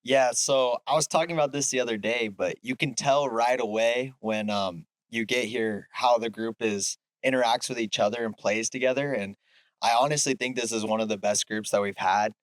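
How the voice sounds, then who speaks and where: A man's voice: medium pitch, moderate pace, dry recording. A young man, a college soccer player, giving earnest, reflective interview answers. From Utah. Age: young adult.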